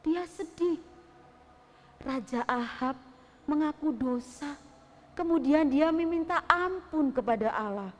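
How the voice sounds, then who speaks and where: A woman Sunday school teacher telling a Bible story to children in an animated way, acting out sounds. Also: high-pitched, slow, pauses often. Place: church hall. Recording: long hall reverb.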